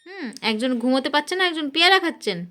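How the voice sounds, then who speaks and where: A woman at home at night coaxing and gently scolding her pet parrot. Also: sits high, animated, racing. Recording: loud background noise.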